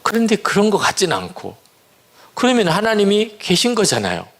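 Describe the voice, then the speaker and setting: A pastor in his fifties preaching a sermon, telling personal stories earnestly in a gravelly voice. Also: sits high, huge pitch swings, normal speed, fairly bright tone. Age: 50s.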